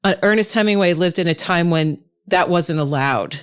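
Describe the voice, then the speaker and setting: Smooth-voiced woman podcast host. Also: on the low side, moderate pace. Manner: chatty and reflective, with frequent affirming murmurs and laughs. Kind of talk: conversational podcast interview.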